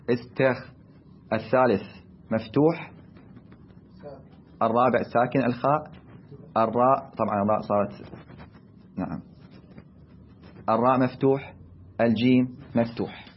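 A man with an Iraqi accent teaches in a classroom. He speaks deliberately at a middle pitch and keeps asking questions that he then answers himself. The recording sounds slightly dull, with a faint noise underneath. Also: steady tone. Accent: Iraqi Arabic. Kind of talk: classroom lecture.

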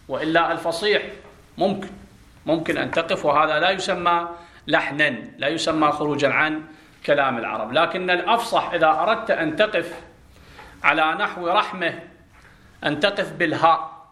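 A man gives a grammar lesson and keeps quizzing his class with questions. His voice sits a little high and sounds bright and forceful. It rings in an echoey classroom. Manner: explains step by step, quizzing students with questions. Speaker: Arabic grammar teacher.

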